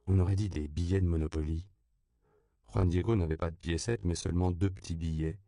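A man reading an audiobook in even, measured scripted narration. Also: sits low, vocal fry, clear, resonant tone, dry recording, clean studio sound.

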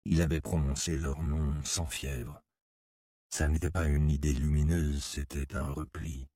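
A man narrating a first-person story in a measured, somber way. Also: a bass voice, fairly even intonation, warm tone, no room sound, clean studio sound.

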